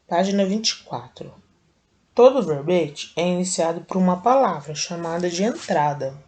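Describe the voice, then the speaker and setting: A Brazilian woman teacher with a Brazilian Portuguese accent, slowly and patiently explaining a lesson step by step to young children. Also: on the low side, expressive, warm tone. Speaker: primary school teacher. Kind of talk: recorded video lesson for children.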